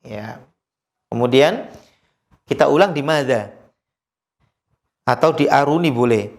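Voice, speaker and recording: A Quran recitation teacher leads a recorded lesson, chanting verses slowly in a higher voice, then explaining the rules quickly in a lower one, all with lively intonation.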